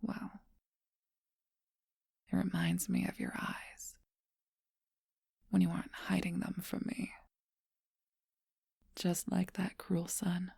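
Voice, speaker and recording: In an ASMR role-play, a woman voices a seductive, ageless and possessive female vampire, teasing slowly and intimately in a soft, breathy whisper. Her full character voice sits on the low side with a sing-song lilt, recorded in clean studio sound without echo.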